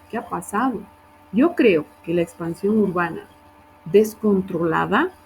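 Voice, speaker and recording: Woman teacher going over student work, warm mellow voice, little hiss behind, keeps asking "right?". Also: medium pitch, low-quality recording. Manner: corrective, checks in with frequent "¿sí?" and "¿no?". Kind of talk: reviewing student work in class.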